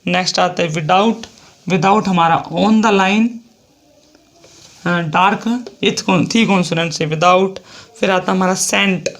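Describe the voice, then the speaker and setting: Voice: medium pitch, measured pace, fairly bright tone. Methodical Indian shorthand teacher. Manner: methodical, repeats each example and spells words out letter by letter. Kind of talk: explaining a shorthand lesson.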